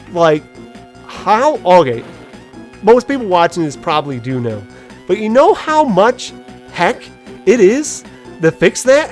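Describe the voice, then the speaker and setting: A gaming video host with a medium-pitched voice offers casual commentary on gameplay, telling personal stories in a rambling, halting way, full of quoted asides. Game music plays underneath.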